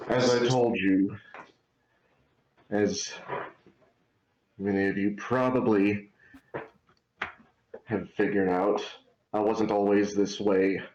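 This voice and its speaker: A man voicing a grieving metal-bodied man, slow and hollow. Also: lowish voice, fairly even intonation, darkish tone, reverberant, dull audio, a little hiss or hum. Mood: shaken. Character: grief-stricken metal-bodied man who cannot cry. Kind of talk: tabletop role-play in character.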